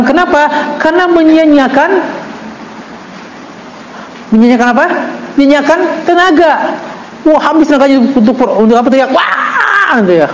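A man teaching an Islamic book study. He reads Arabic text slowly, then explains it with joking asides. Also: very high-pitched, roomy sound, slight background noise, poor audio. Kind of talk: religious book study lesson.

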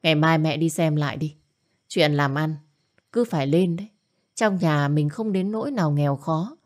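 A woman's voice: low voice, moderate pace, natural voice. A woman voicing an older, domineering mother who scolds and wails in self-pity. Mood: nagging. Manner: scolding, nagging, wailing.

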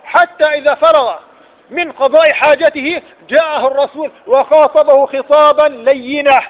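A man's voice: extremely high pitch, steady tone, moderate pace. A man with an Egyptian accent giving a religious lecture, often asking rhetorical questions and repeating his points for emphasis. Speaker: preacher. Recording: dull lo-fi recording.

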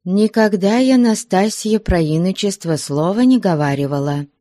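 A woman voicing an elderly abbess who answers calmly and coldly in an audiobook. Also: medium pitch, normal speed, dry recording, clean studio sound, lightly acted. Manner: calm and cold. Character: calm cold elderly abbess.

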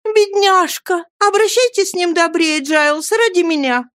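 A gentle young lady of the house, as the woman reading puts her on, her voice pitched high above the narration. She speaks softly and tenderly, a little louder when she pleads for kindness, on a dry, close recording. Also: unhurried, dry recording. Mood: tender pleading. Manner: soft and tender, hushing.

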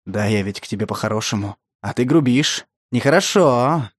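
A man voicing a lecherous, menacing older stepfather who talks in a wheedling, breathy way. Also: medium pitch, expressive, moderate pace, dry recording, clean studio sound, pitched below the performer's own voice. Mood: leering. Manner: wheedling, breathy, then snarling.

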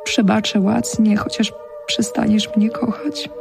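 A woman's voice: mid-range voice, level tone, measured pace. Telimena, a whispering noblewoman. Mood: tender. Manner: whispered, lyrical verse reading. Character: pleading noblewoman Telimena at a parting. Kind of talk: recited verse drama. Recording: music clearly behind.

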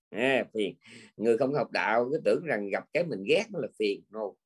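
An older man delivers a Buddhist teaching in an easy, conversational manner. His voice is husky and sits at an ordinary middle pitch. He keeps checking in with the listeners through short tag words as he explains. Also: darkish tone. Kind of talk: dharma talk.

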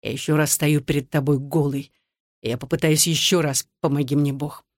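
A reader voicing a bitter scarred soldier husband. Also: male voice, a little high, fairly even intonation, moderate pace, no room sound, clean studio sound, lightly acted. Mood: anguished. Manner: hoarse, clipped through gritted teeth. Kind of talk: audiobook dialogue.

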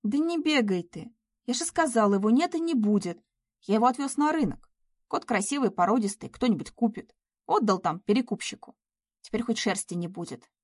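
A woman voicing a cold, controlling man who speaks calmly and curtly. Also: a little high, normal speed, no echo, clean studio sound. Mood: cold dismissive. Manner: calm, hard and curt.

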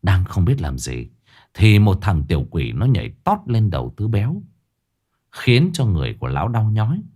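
A man narrating a ghost story in a lively, dramatic scripted reading. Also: lowish voice, moderate pace, husky.

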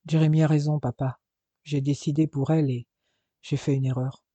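A man reading aloud as an injured young man who speaks quietly and subdued. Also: a little high, flat delivery, normal speed, no room sound, natural voice. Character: weak injured young man, fearful and remorseful.

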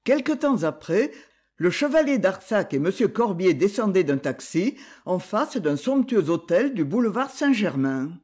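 A man reading a novel aloud as an audiobook narrator, expressive and giving the characters' lines their own tone. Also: high voice, unhurried. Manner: expressive reading, voicing characters with quoted dialogue. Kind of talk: scripted narration.

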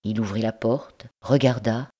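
A woman reading a classic novel aloud for an audiobook. Her narration is measured and even. It is scripted, steady storytelling. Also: extremely low pitch, slightly rough. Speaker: audiobook reader.

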